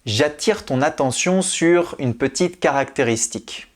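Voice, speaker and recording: Language teacher, scripted lesson narration, unhurried and melodic, deliberate delivery of examples. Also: mid-range voice, expressive. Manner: deliberate, reads out example questions and answers.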